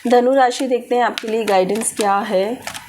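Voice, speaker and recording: A woman's voice: a little high, steady tone, moderate pace, background noise. A woman reading tarot for viewers, giving direct advice and mixing English words into Hindi. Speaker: tarot reader.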